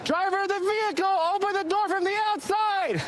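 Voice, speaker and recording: A man, a police officer, calling out clipped commands through a patrol car loudspeaker during a traffic stop on a city street. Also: extremely high pitch, brisk. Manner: loud, clipped commanding orders. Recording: noisy outdoor street recording.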